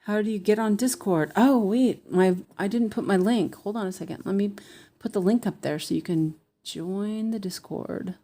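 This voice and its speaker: A woman's voice: medium pitch, moderate pace, dark tone. A woman with a lisp that slurs her s sounds toward sh, chatting casually and thinking aloud as she hosts a craft livestream. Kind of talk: casual livestream chat while stitching.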